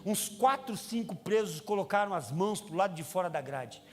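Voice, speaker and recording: A man's voice: expressive, normal speed. A man with a Brazilian accent, a pastor and prison chaplain, telling a testimony in a sermon and acting out the voices of the people in his story. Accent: Brazilian Portuguese. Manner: storytelling, acts out quoted voices with raised pitch. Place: church sanctuary. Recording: reverberant church hall with music.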